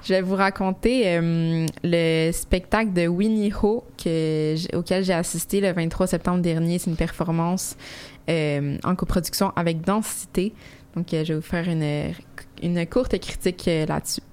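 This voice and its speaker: A woman's voice: fairly low pitch, fairly even intonation, moderate pace, a little mellow, clean tone. A woman contributing to a radio arts show, speaking casually and upbeat.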